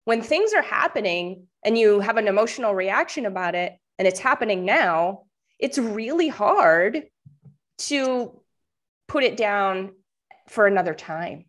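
A woman's voice: medium pitch, animated, unhurried. A woman co-hosting a podcast, upbeat and encouraging in casual chat. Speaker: podcast co-host.

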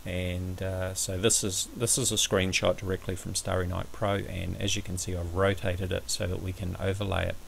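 A man giving a measured, somewhat hesitant step-by-step explanatory commentary over a screen recording, as an amateur astronomy presenter. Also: deep voice, level tone, vocal fry, slight background noise.

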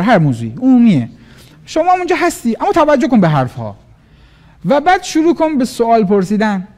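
A man giving an animated motivational business talk, acting out little dialogues in different voices. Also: sits high. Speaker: business trainer.

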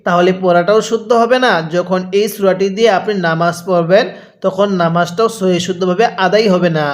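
A man teaching Quran reading, spelling out letters and drawing out words slowly for his students to repeat. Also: high voice, steady tone. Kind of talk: Quran recitation lesson.

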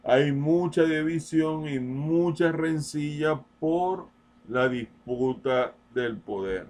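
A man delivering a political monologue as an open letter, slow and deliberate, repeating his points emphatically and addressing the listener directly. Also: on the high side, darkish tone. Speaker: political commentator.

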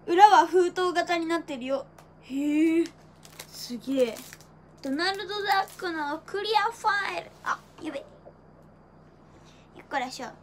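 Showing gifts on her livestream from a small decorated room indoors, a teen idol streamer chats in a very high voice, unhurried and pausing often. She's giggly and excitable, tossing in gyaru-style slang and goofy sound effects. Faint noise sits in the background.

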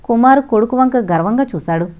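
A woman giving an expressive, dramatic scripted narration of an audio novel, on a dull lo-fi recording. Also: on the high side, a little fast.

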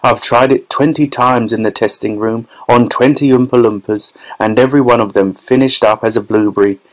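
A man's voice: mid-range voice, steady tone, fairly quick, natural voice, low-quality recording. A man reading a storybook aloud, voicing a fussy, eccentric male candy maker with a fretful way of talking. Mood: matter-of-fact. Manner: fretful, pleading.

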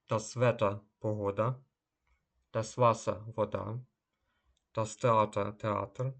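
A man giving a slow language lesson. He says each German word a little louder, then gives its translation. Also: lowish voice. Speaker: German teacher.

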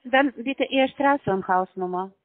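On a tinny, dry phone line, a woman call center agent gives a sales pitch in a voice on the high side, talking a little slowly. Her speech is grammatically broken and constantly interrupted by hesitant fillers.

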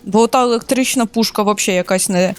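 A woman streamer chatting casually while playing a shooter for the first time, excitable, squealing and laughing at surprises. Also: mid-range voice, quick pace, smooth, faint music behind. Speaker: gaming streamer. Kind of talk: casual let's-play commentary.

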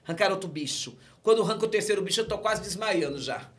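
A man with a Brazilian Portuguese accent and a high voice tells his testimony as a pastor would. He performs the story and slips into the voices of the people he met. It has the pull of a sermon, set in a relaxed podcast studio. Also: quick pace.

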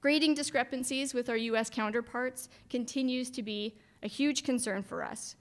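A middle-aged woman speaks from a podium microphone in a hotel conference room. She delivers a conference speech with a lively manner and wry little asides. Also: on the high side, normal speed. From Canada. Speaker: farm association director.

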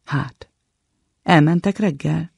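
A man reading the lines of a grim soldier back from the war, who mutters hoarsely. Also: a little high, darkish tone, no room sound, studio quality, exaggerated voice. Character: desperate, grim male soldier home from war.

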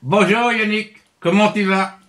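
A man's voice: high voice, steady tone, measured pace, fairly bright tone, pitched above the performer's own voice. A man voicing a friendly, curious bear puppet who greets the teacher and asks what the lesson is, in a raised, slightly strained voice. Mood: cheerful, curious. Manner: chirpy questions, eager replies.

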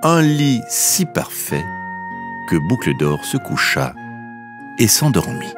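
A man's voice: mid-range voice, sing-song, slow, over music. A man narrating a children's fairy tale in a lilting, sing-song way, drawing out the repeated phrases. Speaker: storyteller.

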